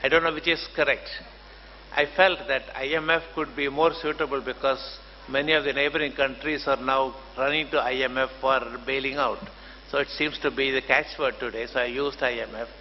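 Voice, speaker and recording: An older man with an Indian accent gives a formal conference lecture as a professor, speaking courteously in a halting, deliberate way. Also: mid-range voice, steady tone. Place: large conference hall. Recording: dull, noisy hall microphone, long reverb.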